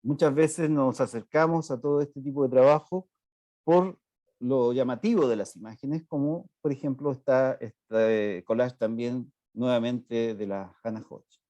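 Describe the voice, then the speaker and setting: A man's voice: mid-range voice, mellow, no echo. A man lecturing on art history, explaining images and addressing his audience directly. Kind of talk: online art history talk.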